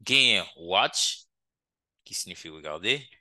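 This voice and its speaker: Male English teacher, low bright voice, close dry sound, slow repeated drills. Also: animated, no room sound. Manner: drills English phrases slowly, asks "ok?" often. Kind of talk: language lesson.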